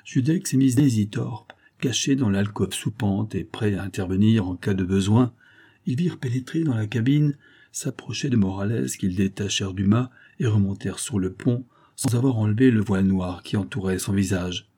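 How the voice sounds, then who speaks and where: Dark, husky-voiced male narrator. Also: fairly low pitch, moderate pace. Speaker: audiobook narrator. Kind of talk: scripted narration of a classic novel.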